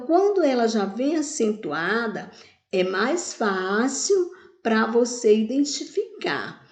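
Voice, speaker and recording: A woman's voice: a little high, a little mellow. A woman teaching grammar, stretching words out syllable by syllable and answering her own questions. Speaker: Portuguese teacher. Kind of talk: grammar lesson. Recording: echoey room.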